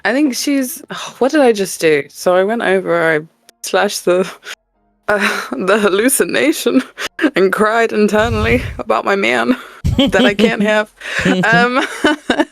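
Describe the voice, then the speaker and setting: Creaky-voiced woman playing a tabletop game. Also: medium pitch, dry recording. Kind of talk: casual, giggly character narration.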